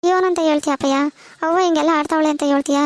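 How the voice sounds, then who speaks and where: Woman playing a crying cartoon teen girl, very high and narrow-pitched, fast, gravelly, pleading. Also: steady tone, close to an everyday voice. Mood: tearful. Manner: pleading, worried questions. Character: tearful teenage village daughter, anxious and pleading. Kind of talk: cartoon voice acting.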